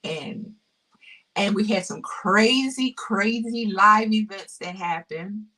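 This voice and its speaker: A woman's voice: mid-range voice, slow, pushed and bright, recorded from a distance. A woman hosting a casual crafting livestream, effusive and heartfelt, repeating her phrases and dropping to a whisper at times. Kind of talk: casual live-stream chat.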